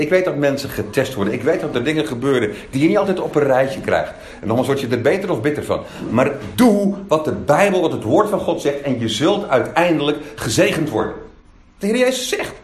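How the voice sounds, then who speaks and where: A man's voice: medium pitch, slight background noise. A man preaching a sermon as pastor, emphatic, with many rhetorical questions. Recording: echoey room, faint ambience.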